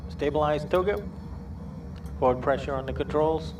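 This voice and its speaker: A man's voice: on the high side, moderate pace, distant mic, background noise. Man making terse pilot headset callouts. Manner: terse pilot phraseology with frequent hesitations. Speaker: flight simulator pilot. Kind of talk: cockpit callouts and radio calls in a simulated flight.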